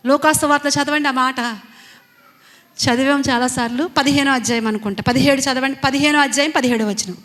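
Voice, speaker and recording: Very high-pitched, bright woman preacher. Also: steady tone, a little fast. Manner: emphatic, repetitive, rhetorical questions to the congregation. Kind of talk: Sunday sermon. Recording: long hall reverb.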